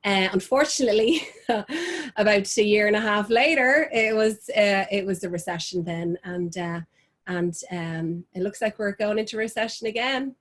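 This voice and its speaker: A woman's voice: mid-range voice, lively intonation, moderate pace. Woman, Irish accent, forties, video call, chatty, ums and restarts, laughs often. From Ireland. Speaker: fashion designer, guest. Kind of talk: interview over video call.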